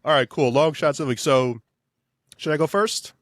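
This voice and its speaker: A man with a fairly high voice co-hosts a sports betting podcast at a moderate pace. His talk is loose and casual, packed with fillers, and he likes to say "baby."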